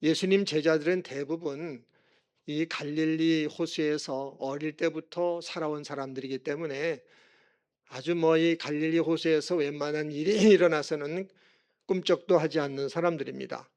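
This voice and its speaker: A man's voice: fairly even intonation, moderate pace, darkish tone. A man preaching a sermon as a pastor, earnest, his voice rising for emphasis. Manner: earnest preaching, rises in pitch and volume for emphasis; acts out quoted lines with raised voice.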